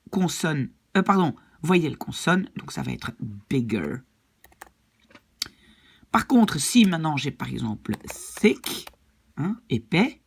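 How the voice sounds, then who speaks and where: A woman's voice: deep voice, vocal fry, slightly rough. A woman language teacher patiently explaining grammar rules and often checking that her students follow.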